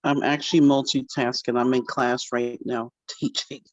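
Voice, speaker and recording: Teacher, dry muffled call audio, chatty, halting, lots of ums. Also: medium pitch, little pitch movement, no room sound. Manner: chatty, hesitant, many fillers. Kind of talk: casual video-call discussion.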